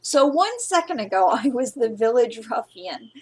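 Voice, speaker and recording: Woman let's play co-host, playful and jokey, husky edge. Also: a little high, sing-song, normal speed. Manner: playful, jokey, reads dialogue aloud. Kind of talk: casual gaming chat.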